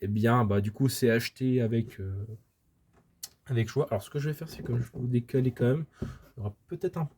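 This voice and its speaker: A man's voice: medium pitch, fairly quick, warm tone, a little hiss or hum. Casual male vlogger, mid-range voice, rambling and hesitant delivery. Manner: rambling, hesitant, many fillers and restarts. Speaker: manga collector vlogger. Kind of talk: casual haul video chat. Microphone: camera filming books, speaker off-frame.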